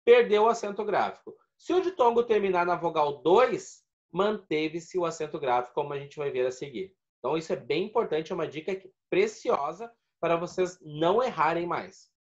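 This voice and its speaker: A man's voice: fairly high pitch, expressive, fairly quick, hardly any pauses, dull audio. A man teaching a video lesson, explaining rules step by step and repeating key points. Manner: explanatory, repeats points and counts syllables aloud.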